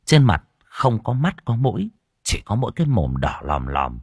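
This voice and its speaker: A man narrating an audio horror story in an expressive, dramatic way. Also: lowish voice, moderate pace, breathy edge, no echo, studio quality.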